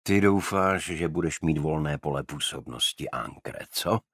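A man's voice: rumbling low, a bit bright, slightly rough, no echo, clean studio sound, exaggerated voice. A man voicing a level-headed, friendly male detective in an audiobook. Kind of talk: audiobook character voice.

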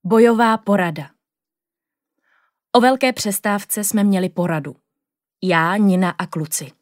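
A woman reading a children's storybook aloud in the first person of a little girl, in a lively storytelling tone. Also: mid-range voice, dry recording, clean studio sound. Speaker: audiobook reader.

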